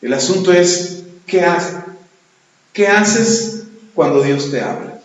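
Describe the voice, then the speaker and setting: A pastor preaching a sermon, retelling a story and acting out both sides of the dialogue. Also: male voice, sits high, animated, slow. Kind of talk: sermon with retold anecdote. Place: church. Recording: echoey church hall, dull lo-fi sound.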